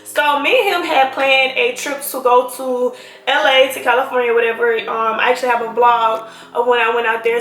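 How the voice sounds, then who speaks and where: A woman's voice: on the high side, fairly bright tone, reverberant. A woman telling a personal story in a casual, sarcastic, slangy way.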